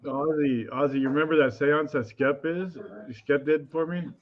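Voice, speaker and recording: A man's voice: fairly high pitch, steady tone, moderate pace. Man on slightly muffled video-call audio. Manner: teasing, banters and reads out chat questions. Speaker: livestream panelist. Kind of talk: casual chat.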